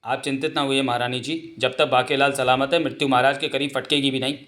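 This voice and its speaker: A man's voice: medium pitch, little pitch movement, quick pace, a bit bright, natural voice. A man voicing a sly, glib male court servant spinning tall tales in a comic dub. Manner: glib, wheedling.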